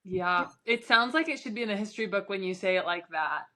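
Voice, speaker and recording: A woman's voice: mid-range voice, fast talker, bright, forceful tone. A woman co-hosting a casual podcast, rambling and losing her thread with many fillers. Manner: rambling, self-interrupting, filler-heavy. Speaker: podcast co-host. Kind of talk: casual chat.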